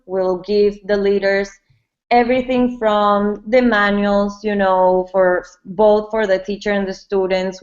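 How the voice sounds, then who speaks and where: Heard over a webinar call mic in dull, lo-fi audio, a yoga brand co-founder from Venezuela fields interview questions in a relaxed way, frequently restarting and repeating herself. Her voice is mid-range with a darkish tone.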